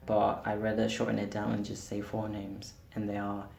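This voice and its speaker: A man's voice: lowish voice, monotone, normal speed, gravelly, a little mellow, a little hiss or hum. A man whose first language is Portuguese, a singer-songwriter talking candidly and a little self-deprecatingly to camera in a casual vlog. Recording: roomy echo with music behind.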